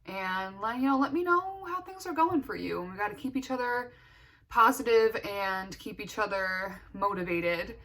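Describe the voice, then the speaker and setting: A young woman talks to her viewers in a casual get-ready-with-me style. Her voice sits at a middle pitch, and she has retainers in as she speaks. She thinks out loud in an informal, chatty way. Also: expressive, normal speed. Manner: talking with retainers in. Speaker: beauty vlogger.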